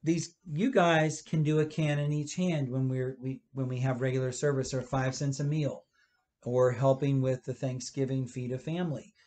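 A man's voice: medium pitch, flat delivery, normal speed. Middle-aged man teaching a children's lesson. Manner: gestures a lot, explains gently with rephrasing. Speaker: pastor. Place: church library with bookshelves.

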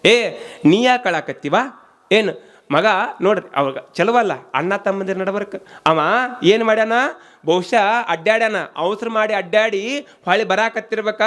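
High-voiced man telling a sermon story. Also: moderate pace, fairly bright tone. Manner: rhetorical questions to the audience; acts out the voices of the story's characters. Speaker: preacher.

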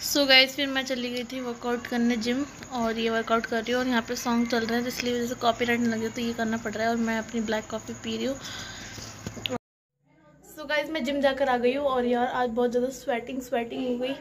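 High-voiced young woman vlogging her day, chatty and a bit whiny, throat slightly sore, faint hiss behind. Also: little pitch movement, brisk. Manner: chatty, complaining in a playful way. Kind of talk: casual vlog voice-over. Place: indoors at home.

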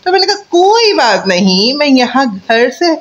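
A woman's voice: high voice, sing-song, measured pace, lo-fi sound. A woman from Pakistan, talking through cloth as she chats in a casual vlog intro and pleads with viewers to comment and subscribe. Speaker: food vlogger.

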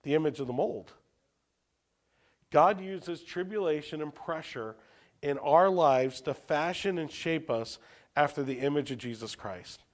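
A man preaching a sermon as a pastor, posing rhetorical questions and swinging between emphatic lines and hushed ones. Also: fairly high pitch, expressive, measured pace.

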